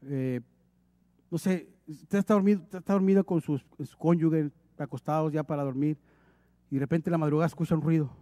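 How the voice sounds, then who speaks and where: A man's voice: fairly high pitch, steady tone, fairly quick, mellow, no echo. A male preacher delivering an emphatic, exhorting sermon, lightened with humorous acted asides.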